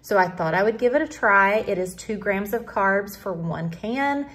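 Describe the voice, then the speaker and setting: A woman's voice: mid-range voice, expressive, normal speed. A woman, chatting upbeat on a phone camera as she shows store items and then her haul at home. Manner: chatty and upbeat, says y'all. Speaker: vlogger. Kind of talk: casual shop-with-me narration. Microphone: phone camera held in hand. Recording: loud fan noise in a store. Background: loud store fans and ambience.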